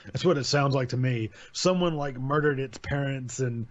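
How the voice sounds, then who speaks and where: Talking at a moderate pace in a mid-range voice, a young channel host reviews horror stories in a relaxed, meandering chat, often correcting himself. He uses a desk microphone with a pop filter, and the home recording sounds dull and lo-fi.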